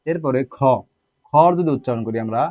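A man's voice: mid-range voice, a little fast, dry recording, muffled recording. A man teaching Arabic letter pronunciation in a patient, repetitive way, asking rhetorical questions and drawing out sounds to demonstrate them. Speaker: Quran recitation teacher.

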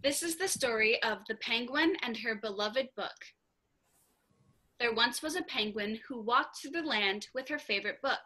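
A woman teacher reading a children's story aloud over a video call, with an expressive, animated delivery. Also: on the high side, moderate pace, poor audio. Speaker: theatre teacher.

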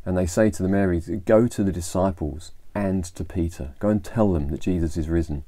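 A man's voice: sits low, fairly quick, warm tone, no room sound. An English man giving an informal devotional talk, retelling a Bible story in a conversational way with fillers and restarts. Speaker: church leader.

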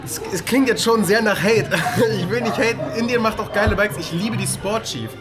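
Young man, blunt slangy mock rant, slightly high voice, table-top action camera, loud music behind. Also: moderate pace. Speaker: friend and guest. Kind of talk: casual chat. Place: dim diner.

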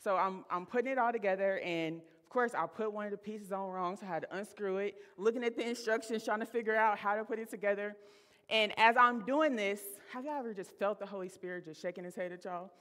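A woman's voice: mid-range voice, quick pace, a bit bright. Chatty woman preaching in a reverberant church. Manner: chatty, laughing, addresses congregation as y'all. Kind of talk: storytelling sermon. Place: church stage. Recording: reverberant sanctuary.

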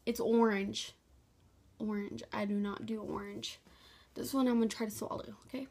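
A woman's voice: mid-range voice, steady tone, normal speed, a little mellow. A young woman chatting casually to the camera as a vlogger in a bedroom. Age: young adult. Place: bedroom, indoors. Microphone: phone or laptop at arm's length.

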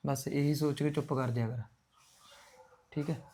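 An actor playing a calm son who reassures his wife about his mother. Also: a little high, normal speed, natural voice. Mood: soothing. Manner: soothing, reassuring. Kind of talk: village family drama acting.

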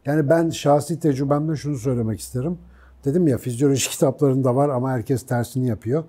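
A man's voice: medium pitch, fast, dark tone, husky. A man co-hosting a talk show, speaking informally and colloquially about his own experience. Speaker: co-host. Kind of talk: casual chat.

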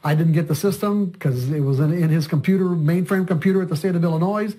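An older man with a slightly high voice tells a long story in an interview. He explains things as a trading coach would. He often doubles back and repeats words as he goes. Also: fast talker, mellow.

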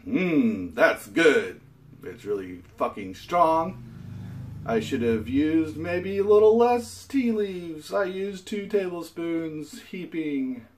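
A man's voice: fairly high pitch, lively intonation, slow pace. Offhand, mumbling young man vlogging. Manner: offhand, self-deprecating, trails off and mumbles. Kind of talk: casual home video vlog.

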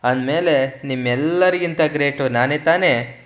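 A man's voice: a little high, unhurried, close to an everyday voice. A man voicing a boastful lemon that brags and calls the others fools, on a dull lo-fi recording. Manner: bragging, scolding others as fools. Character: boastful lemon, proud and showing off.

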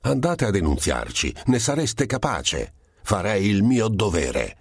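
A man voicing a choleric middle-aged monk who shouts and sputters insults, read as an audiobook character. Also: lowish voice, very animated, a little slow, husky, no room sound, clean studio sound, pitched above the performer's own voice, heavily acted. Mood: threatening.

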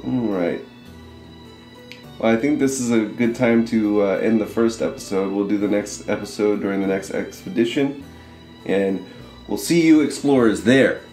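A man's voice: lowish voice, moderate pace, darkish tone. A man giving casual gameplay commentary, swearing and laughing easily. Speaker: let's play co-host. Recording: echoey room, faint game music.

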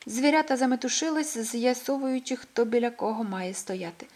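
A woman reading a children's story aloud in a gentle, expressive way. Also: on the high side, normal speed.

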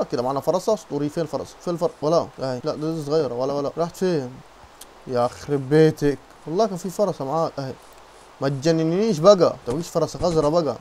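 A young man with an Egyptian Arabic accent, chatting excitedly through a game playthrough as a channel host, coaxing the animals and talking to viewers. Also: mid-range voice, a little hiss or hum. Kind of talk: Minecraft let's-play commentary.

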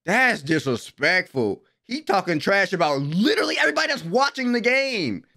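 With a sharp tone and big pitch swings, the high-voiced young man moves at a moderate pace through his slangy, exclamatory anime reactions. He's a young adult host recording close to a desk microphone in his small bedroom streaming setup.

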